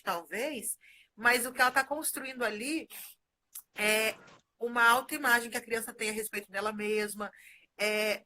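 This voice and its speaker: A woman, a guest in a conversation, explaining her points in a measured way and often ending phrases with a questioning tag. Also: a little high, sharp tone. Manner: measured, explaining, frequent "né?" tags.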